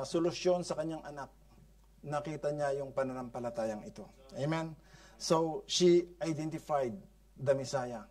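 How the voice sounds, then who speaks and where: A male pastor with a Filipino accent preaching a sermon, mixing Tagalog and English, often asking the congregation "no?" and "Amen?", swelling loud for emphasis and then dropping soft. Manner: switches between Tagalog and English, frequent "no?" and "Amen?" prompts; rises in loudness for emphasis, then drops to soft, low phrases. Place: church congregation.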